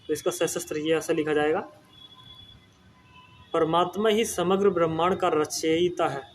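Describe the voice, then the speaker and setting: A man's voice: fairly high pitch, fairly even intonation, moderate pace, soft background music. A young man teaching Hindi spelling for exam prep. He repeats words and keeps checking in with his students. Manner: explains patiently, repeats words, often says "ठीक है ना".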